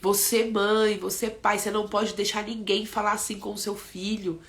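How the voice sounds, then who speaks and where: A woman's voice: medium pitch, little pitch movement, normal speed, a bit bright. A woman with a Brazilian accent giving an emphatic motivational talk, often checking in with "né?". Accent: Brazilian Portuguese. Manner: earnest, emphatic, admonishing, with many "né?" tags. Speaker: speaker on insecurity and parenting.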